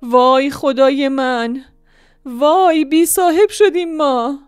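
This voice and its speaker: A woman's voice: no room sound, studio quality, faint music behind, lightly acted. A woman voicing a distraught middle-aged mother who wails and cries out in shame. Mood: wailing. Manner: wailing, shrill, crying out.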